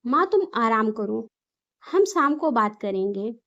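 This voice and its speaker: A woman voicing a calm, caring young son. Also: on the high side, takes it slowly, muffled recording, exaggerated voice. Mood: concerned.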